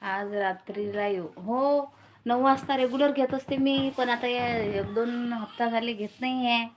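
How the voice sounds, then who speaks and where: Against a noisy background, a woman speaks at a measured pace in a slightly high voice, her accent Marathi from the Vidarbha region. Streaming casually from home on her phone, she keeps pressing viewers to comment while talking with family off-camera.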